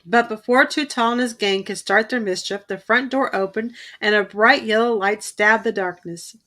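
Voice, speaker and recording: With a fairly high pitch and normal speed, a woman storybook reader brings a children's picture book to life, reading it aloud in an expressive storytelling manner.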